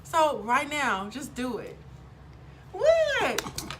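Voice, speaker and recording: A woman's voice: high voice, huge pitch swings, very slow, slight background noise. A woman in her thirties chatting casually to camera as a vlogger, upbeat and full of fillers. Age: 30s. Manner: upbeat, chatty, lots of ums.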